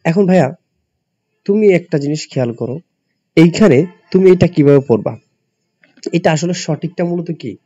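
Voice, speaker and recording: A man from Bangladesh leads an English spelling class for admission students, his slightly high voice warm, expressive and a little breathy. At a moderate pace with frequent pauses, he explains step by step, spells out letters and keeps questioning students; the lo-fi recording is dull and dry with no room sound.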